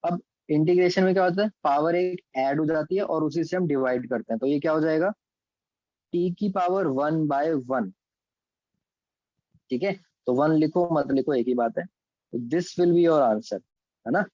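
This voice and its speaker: A man's voice: fairly high pitch, measured pace, pauses often, warm tone, no room sound, highs cut off. A man with an Indian accent teaching calculus step by step in an online class. He mixes English terms into his Hindi explanations and checks in with students by name. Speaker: physics and maths teacher.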